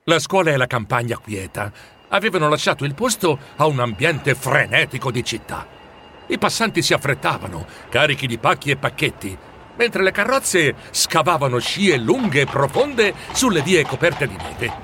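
A man reading a storybook aloud in an expressive, animated way. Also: a little high, moderate pace, slight background noise. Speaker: narrator. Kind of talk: storybook narration.

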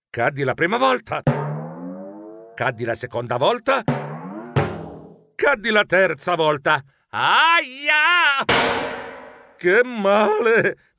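A man's voice: a little high, creaky, sharp tone, slight background noise. A man narrating a children's story in first person as an anxious, clumsy male mouse, stammering and melodramatic. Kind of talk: expressive audiobook narration.

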